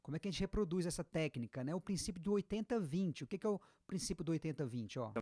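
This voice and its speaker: A woman with a Brazilian accent giving a casual online English lesson, explaining patiently and repeating example words slowly. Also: low-pitched, expressive, dark tone. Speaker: English teacher.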